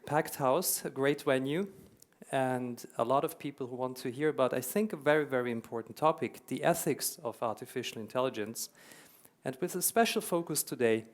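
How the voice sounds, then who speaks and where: At a moderate pace and in a mid-range voice, a man delivers a keynote in a conference hall with a German accent, being from Hungary but raised in Germany. He comes across as earnest and explanatory, repeating words for emphasis.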